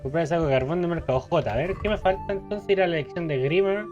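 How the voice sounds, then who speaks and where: A man's voice: a little high, fast, highs cut off, over music. A man with a Chilean accent giving casual, joking let's play commentary, reading game text aloud. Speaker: gaming streamer.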